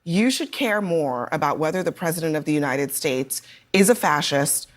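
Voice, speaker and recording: Woman panelist, firm and insistent, lively pitch, panel debate. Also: normal speed.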